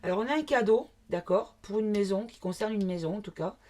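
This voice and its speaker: A woman's voice: medium pitch, fairly quick, darkish tone. A woman from the south of France doing a casual card reading to camera, thinking aloud with many fillers and asides. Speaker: card reader.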